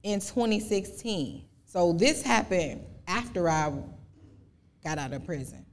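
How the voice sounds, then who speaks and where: A woman in her forties answering audience questions as a podcast guest, speaking earnestly with halting restarts. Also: on the low side, lively intonation. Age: 40s. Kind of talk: live podcast Q&A, personal testimony.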